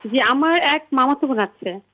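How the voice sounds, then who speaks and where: A woman's voice: high voice, expressive, moderate pace, fairly bright tone. A woman calling in to a show over a phone line, telling a story hesitantly and repeating herself. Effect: phone call heard on air. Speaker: caller to a call-in show.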